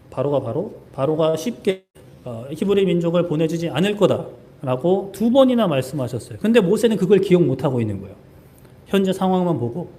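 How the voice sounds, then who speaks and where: Male pastor, sermon, chatty storytelling delivery, fairly high voice, mellow tone. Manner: conversational preaching with acted-out quotes.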